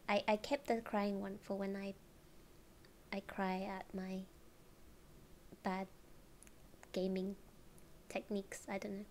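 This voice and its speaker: A woman streamer chatting casually, giggling often and drifting into soft whispers. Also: medium pitch, gravelly, a little hiss or hum.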